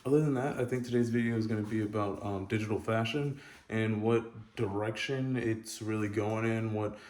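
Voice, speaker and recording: A man's voice: fairly low pitch, steady tone, normal speed, darkish tone. A man chatting casually in a vlog at his mother's house, assembling furniture and talking to his dog. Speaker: vlogger.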